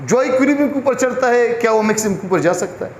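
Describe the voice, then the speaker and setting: اونچی آواز والا مرد، گونجتے کمرے میں لیکچر دیتا ہوا. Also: male voice, extremely high pitch, lively intonation, slight background noise. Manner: explains by asking questions and answering them himself. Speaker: biology lecturer. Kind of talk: classroom lecture. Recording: echoey room with faint background ambience.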